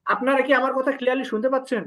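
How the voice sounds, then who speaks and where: A man with a Bangladeshi Bengali accent teaching an online language class, slowly saying syllables for students to repeat. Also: extremely high pitch, fairly even intonation, fairly bright tone. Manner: slow drilling, repeating syllables for students to echo.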